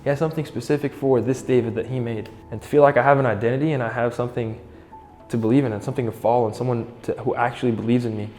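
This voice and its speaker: A man's voice: mid-range voice, fairly even intonation, very fast. A man in his twenties from Egypt, sharing his faith testimony in an earnest, reflective way. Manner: earnest and reflective, quotes his own inner thoughts. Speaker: church member sharing testimony. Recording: long reverb with soft guitar music.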